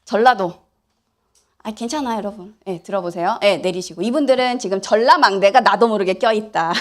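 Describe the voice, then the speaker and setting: A woman giving an animated lecture at church, asking the audience questions and acting out what people say. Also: medium pitch, brisk. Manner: animated, asks the audience questions, acts out quotes. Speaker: church lay speaker. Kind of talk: lively church lecture to youth. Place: church hall.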